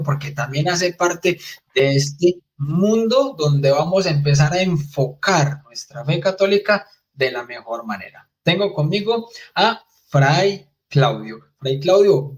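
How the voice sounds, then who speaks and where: Devout male host of a faith channel. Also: a little high. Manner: formal, devout greeting. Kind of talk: welcoming interview introduction.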